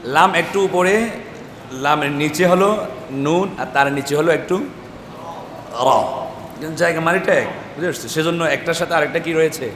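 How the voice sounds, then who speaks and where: A man's voice: fairly high pitch, moderate pace, pauses often, a bit bright. A man teaching Quran recitation to a class, quizzing the students and drilling syllables again and again. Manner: drills students with repeated questions and chanted syllables. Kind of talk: classroom tajweed lesson. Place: large echoey madrasa classroom with students. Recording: echoey hall with noisy class.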